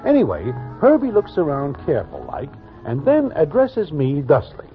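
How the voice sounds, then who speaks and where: An actor playing a wry, slangy racetrack gambler who narrates in mock-formal phrases in an old-time radio drama. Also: male voice, on the high side, wildly swooping pitch, moderate pace. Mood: wry narration. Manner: mock-formal, wisecracking delivery. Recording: muffled old radio recording with music.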